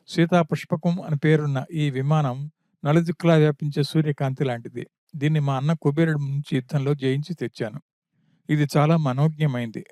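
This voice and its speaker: A man voicing an arrogant demon king who boasts and coaxes a captive, read in an even storytelling tone. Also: a little high, no room sound, clean studio sound, natural voice.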